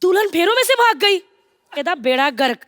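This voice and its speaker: A woman's voice: very high-pitched, big pitch swings, fairly quick, heavily acted. A woman playing a brash, flirty matchmaker in stage sketch comedy, with Punjabi-accented Hindi and playful, teasing exclamations. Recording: noisy stage with loud studio audience.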